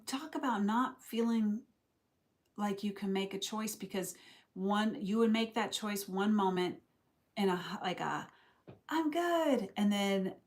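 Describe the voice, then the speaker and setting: Slow, rambling young woman reading tarot. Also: mid-range voice. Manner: rambling, reflective, loose and chatty. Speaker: tarot reader. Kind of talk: casual live tarot reading.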